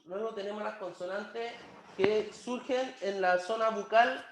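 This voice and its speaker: A man teaching a language lesson slowly and patiently, repeating each word several times so that students can copy it. His voice sits fairly high for a man, and he is recorded in an echoey room. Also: a little hiss or hum. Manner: slow, patient, repeats words and drills pronunciation.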